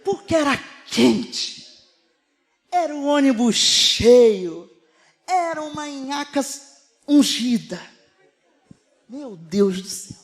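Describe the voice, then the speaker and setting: A man from Rio de Janeiro with a Carioca accent preaching a sermon to a live congregation, moving between hushed storytelling and shouted exhortation. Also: very high voice, expressive, slow pace, long pauses. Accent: Carioca Brazilian Portuguese. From Rio de Janeiro, Brazil. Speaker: pastor. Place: church service before a live congregation.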